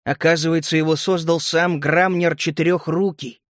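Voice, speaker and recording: A man reading first-person fantasy narration in a steady, measured way. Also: a little high, no room sound, clean studio sound. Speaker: audiobook narrator.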